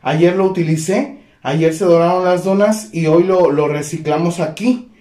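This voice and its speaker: High-voiced man teaching a home recipe. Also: moderate pace. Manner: relaxed, many fillers, addresses viewers as friends. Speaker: cooking channel host. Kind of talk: home cooking demonstration. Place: home kitchen. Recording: echoey kitchen with faint noise.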